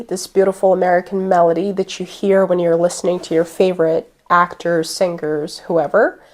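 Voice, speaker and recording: Deliberate-speaking woman coach. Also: mid-range voice, a little mellow. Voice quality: deliberate, clear pacing with pauses. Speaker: accent coach. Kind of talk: instructional talk to camera.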